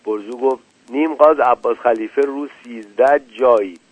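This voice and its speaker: A man narrating a story and speaking the characters' street-slang lines in a casual, lively way. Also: mid-range voice, no room sound. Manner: colloquial Tehrani street slang in dialogue. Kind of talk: storybook reading with character voices. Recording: tinny phone-like dry recording.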